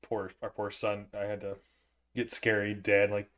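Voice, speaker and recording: A man hosting a casual movie podcast, joking with his co-host and reading shout-outs in an upbeat announcer voice. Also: on the low side, level tone, moderate pace.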